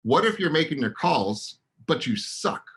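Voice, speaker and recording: Husky man firing off coaching questions. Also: a little high, very animated, a bit bright, poor audio. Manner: punchy, rapid-fire rhetorical questions. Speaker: podcast co-host, real estate coach. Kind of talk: coaching podcast talk.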